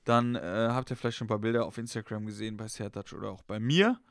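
Fast-talking man telling a story. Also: lowish voice, clean tone, no echo, clean studio sound. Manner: animated storyteller, acts out quoted dialogue. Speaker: podcast co-host and comedian. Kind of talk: casual podcast chat.

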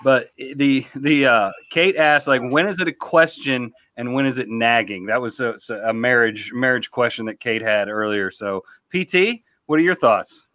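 A man's voice: mid-range voice, normal speed, hardly any pauses, sharp tone, dry recording. A man hosting a podcast, joking loosely in casual group banter and reading listener questions. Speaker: podcast host.

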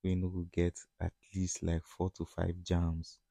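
A man's voice: low-pitched, monotone, measured pace, creaky, warm tone, no room sound. A man with a Nigerian accent chats casually as a solo podcast host, in informal, slangy speech that often slips into Pidgin.

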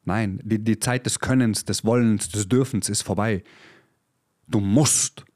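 A man's voice: fairly low pitch, fairly even intonation, a little slow, darkish tone, no echo, studio quality. A man in his thirties hosting a podcast, giving an intense, preachy motivational monologue with swearing and English phrases mixed in. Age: 30s. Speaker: podcast host. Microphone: podcast microphone.

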